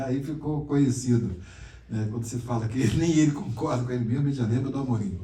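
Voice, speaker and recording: A man's voice: medium pitch, moderate pace, warm tone. A male pastor teaching a Bible class, reading Hebrew aloud, quizzing his students and joking with them. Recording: roomy classroom echo, mic far off.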